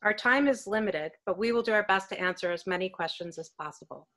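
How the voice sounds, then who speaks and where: A woman moderates a scripted web talk over a video call from a room in her home, delivering her prepared, polished questions. She speaks fast, with a medium pitch and a slightly bright tone.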